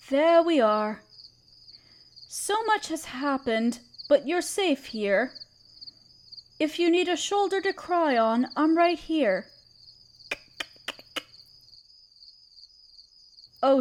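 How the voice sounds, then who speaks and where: Playing a regal and tender spider queen, a woman speaks in a high-pitched, gentle, soothing and slightly formal manner for a scripted roleplay audio drama. Her mood is tender and comforting. Slight background noise includes crickets and night insects chirping.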